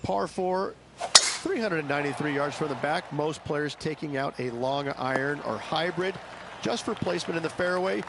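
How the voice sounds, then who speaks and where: A man's voice: fairly high pitch, normal speed, creaky, over a noisy crowd, heavy background noise. A man playing a plain-spoken, knowledgeable golf commentator, giving folksy, matter-of-fact course analysis for a video game.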